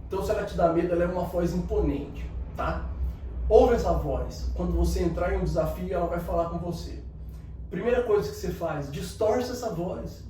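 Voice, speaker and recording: High-voiced man coaching emphatically. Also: brisk, dark tone, slight background noise. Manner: emphatic, coaching the listener directly. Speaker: motivational speaker. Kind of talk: motivational talk. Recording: very echoey room, distant mic, faint ambience.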